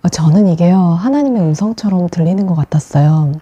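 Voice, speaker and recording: A pastor's wife giving a devotional talk, telling stories in a gentle, earnest and expressive way. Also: female voice, on the low side, brisk, breathy edge, lo-fi sound.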